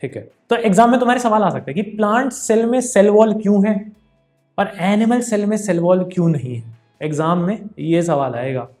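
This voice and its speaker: A man's voice: sits high, moderate pace, darkish tone, soft background music. A man teaching a casual Hindi-English science lesson. He jokes, teases and calls the viewer brother. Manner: playful mispronunciations and asides. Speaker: online tutor.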